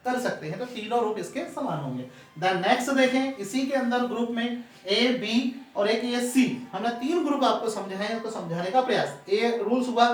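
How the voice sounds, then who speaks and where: A male teacher giving a spoken lesson, spelling words letter by letter and addressing his students fondly. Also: very high-pitched. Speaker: English teacher. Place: room with a board. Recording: echoey room, voice from far off.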